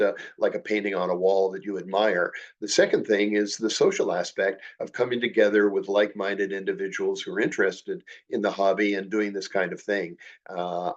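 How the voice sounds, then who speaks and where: Through a muffled recording comes a fairly low male voice, nasal and stuffed up from a cold. He's an older presenter from Canada giving a slideshow talk on model railroading, speaking in a measured way with frequent uhs and ums.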